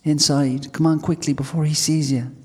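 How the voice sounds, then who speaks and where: A man's voice: mid-range voice, normal speed, darkish tone, voice pushed up, lightly acted. A man voicing a frightened young farm girl who fiercely protects her horse. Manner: pleading, breathless urgency. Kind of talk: storytelling. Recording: long hall reverb.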